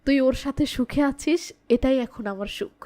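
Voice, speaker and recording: A stern, heartbroken father scolds and then pleads softly, as a woman narrator reads his lines. The voice sits a little lower than her own, slow and heavy, but stays high for a man and plainly hers. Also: natural voice. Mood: sorrowful. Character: grieving stern father of a bride.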